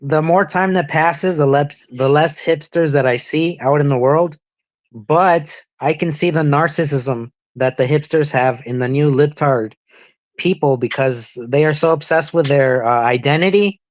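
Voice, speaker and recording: A man's voice: fairly high pitch, unhurried, no echo. A man in casual podcast talk, wry and opinionated. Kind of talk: casual discussion.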